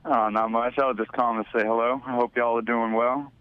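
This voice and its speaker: A man's voice: medium pitch, flat delivery, a little fast, smooth, no room sound, phone-quality sound. A man calling in to a radio talk show, heard over the phone, politely checking in and wishing the hosts well. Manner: brief, polite, friendly check-in. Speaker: caller.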